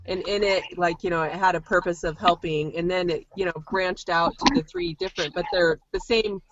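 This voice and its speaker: A woman talking haltingly with lots of fillers over a video call, her audio glitching and cutting out. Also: fairly low pitch, lively intonation, dull audio, very noisy. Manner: halting, filler-heavy speech. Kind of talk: casual video call meeting.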